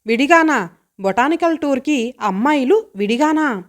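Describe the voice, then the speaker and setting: A woman's voice: sits high, lively intonation. Woman voicing a headstrong college girl. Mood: defiant. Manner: bold, mocking, quick retorts.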